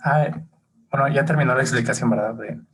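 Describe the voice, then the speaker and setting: A man's voice: medium pitch, a little fast, a bit bright, slight background noise. Polite male student asking a question. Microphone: video call.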